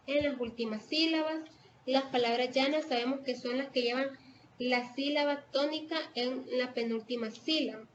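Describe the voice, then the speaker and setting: A woman with a Salvadoran accent teaching an online class, hesitating with fillers and restarts as she explains. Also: high-pitched. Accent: Salvadoran Spanish. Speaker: online tutor. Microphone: video call. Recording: dull lo-fi video call audio with faint noise.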